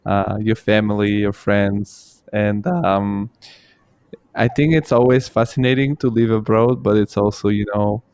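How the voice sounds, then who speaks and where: A man's voice: lowish voice, fairly even intonation, a little slow, a little mellow, clean tone, no room sound. A man who grew up in Italy, hosting a casual interview and talking hesitantly with many fillers and restarts. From born in Bulgaria, grew up in Italy. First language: Bulgarian or Italian. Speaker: podcast host.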